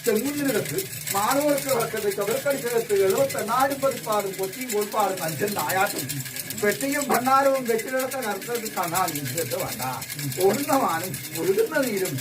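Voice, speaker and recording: A woman's voice: mid-range voice, expressive, normal speed. A woman with a north Kerala accent speaking as a possessed ritual oracle, proclaiming solemnly in a chanted declamation. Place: at a live temple ritual, distant mic. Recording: distant, noisy field recording of a ritual.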